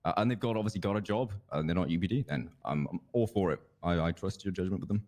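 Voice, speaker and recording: Low-pitched male, quick talker, laid-back trainer briefing colleagues in game roleplay. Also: a little mellow. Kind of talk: in-character roleplay chat, explaining procedures.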